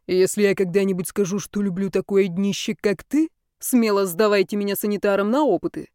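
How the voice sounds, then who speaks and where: A woman voicing an arrogant, quick-tempered young man who talks in a curt, sneering way. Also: medium pitch, mellow, no echo, clean studio sound, close to an everyday voice.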